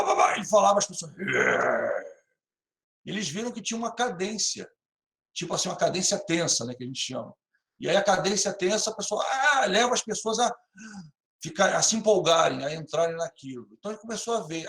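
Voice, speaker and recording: A middle-aged Brazilian man gives a casual online class. His voice sits a little high with a gravelly edge, and it rings in an echoey room. He acts out short dialogues and keeps asking his students questions. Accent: Brazilian Portuguese. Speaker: university lecturer.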